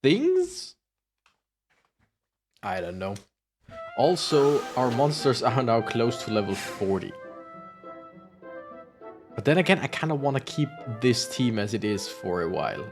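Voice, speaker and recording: A man's voice: mid-range voice, lively intonation, normal speed, pauses often. Sleepy man rambling over game music. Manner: rambling, laughing, self-interrupting. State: tired, yawning. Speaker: gaming channel host. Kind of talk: casual game commentary. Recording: game music playing behind.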